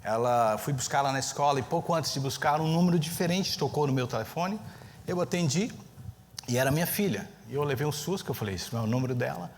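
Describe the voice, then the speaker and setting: A man preaching a sermon as pastor, telling a story with lively pacing and acting out the people he quotes. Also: medium pitch, fast. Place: church sanctuary. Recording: long church reverb, faint ambient noise.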